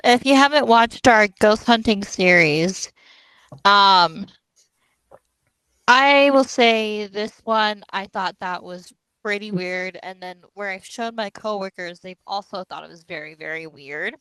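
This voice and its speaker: A woman's voice: medium pitch, normal speed, pushed and bright, clean tone, dry recording, rough recording. A young woman with a mid-range voice co-hosts a casual podcast while tired after a long day. She giggles and yawns, and her talk stays playful. The recording is dry and close. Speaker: podcast co-host. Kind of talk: casual chat.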